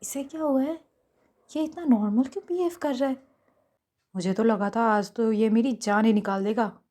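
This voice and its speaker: A woman's voice: fairly high pitch, moderate pace, darkish tone, lightly acted. Woman narrator doing a proud young heroine. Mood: flustered. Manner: pleading and impulsive. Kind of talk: audio story character voice.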